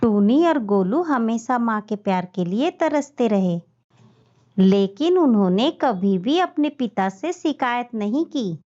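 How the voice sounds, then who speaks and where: A woman's voice: fairly high pitch, expressive, a little slow, warm tone. A woman narrating a scripted children's story as a storyteller. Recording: dull lo-fi audio.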